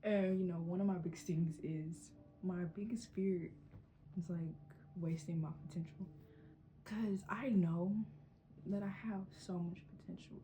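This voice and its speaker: A young woman talks to her viewers in a relaxed, encouraging vlog pep talk. Her voice sits a little low and sounds warm and mellow, not bright. She has a runny nose, and a faint hiss runs behind her. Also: a little slow, low-quality recording. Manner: casual, encouraging, faith-infused pep talk. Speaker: vlogger.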